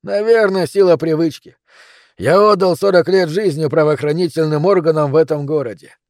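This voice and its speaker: A gruff, aging police captain, played by a man, trades wry banter in a raised, pushed-up voice. The tone is dark and mellow, and the take is dry and close-miked. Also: fairly high pitch, moderate pace, no room sound, pitched above the performer's own voice, close to an everyday voice.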